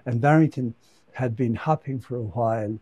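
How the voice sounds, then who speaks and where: A man's voice: medium pitch, moderate pace, warm tone, breathy edge, no echo, dull audio. A man, a priest, telling a story from memory in a homily, hesitant and repeating words with fillers.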